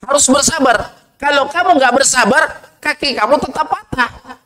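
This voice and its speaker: A man preaching a sermon, lively, asking the audience questions and answering them himself. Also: normal speed, low-quality recording. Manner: lively, swings from low asides to high rhetorical questions.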